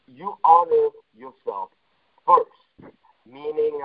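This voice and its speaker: A man's voice: mid-range voice, slightly rough. A man coaching on a conference call, blunt and emphatic, his voice muffled as if heard through a wall on a phone line. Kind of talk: motivational teaching monologue.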